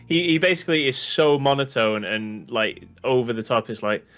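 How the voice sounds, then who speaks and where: A man's voice: medium pitch, moderate pace, clean tone, soft background music. A man co-hosting a let's play, chatting casually and reading from a guide. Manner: chatty, animated, reads the guide aloud. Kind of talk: casual game commentary.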